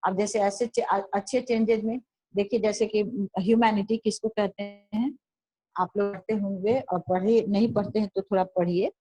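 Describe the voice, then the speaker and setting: A woman teacher giving a classroom lesson, reading lines slowly and then explaining them in Hindi, often repeating and rephrasing. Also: medium pitch, steady tone, warm tone, dry recording, faint music behind, poor audio.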